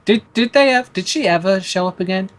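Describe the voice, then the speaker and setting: Brief: male co-host, dry humor, slightly raised pitch, relaxed banter. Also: brisk. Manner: self-deprecating, dry jokes. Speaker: voice actor and co-host. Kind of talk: casual live-stream chat.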